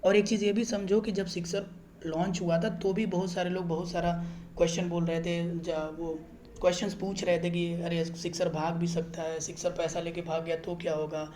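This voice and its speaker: A man's voice: a little high, little pitch movement, normal speed, a little mellow, roomy sound, slight background noise. A man hosting a casual explainer video, talking the viewer through an app and often checking that they follow. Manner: chatty, keeps checking in with the viewer. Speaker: channel host explaining a trading app. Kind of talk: casual screen-recorded explainer.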